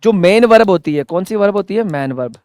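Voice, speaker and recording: A man teaching an English grammar lesson, loud and energetic, asking questions and answering them himself. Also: high-pitched, clean tone, no room sound, clean studio sound. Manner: drills example sentences slowly word by word. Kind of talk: classroom lesson.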